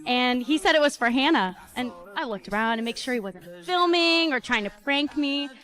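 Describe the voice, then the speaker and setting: Young woman, high-pitched voice, wedding toast, maid of honor speech, affectionate, playful storytelling. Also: animated, moderate pace, a bit bright. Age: young adult. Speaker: maid of honor, sister of the bride. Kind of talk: wedding toast, prepared speech read aloud.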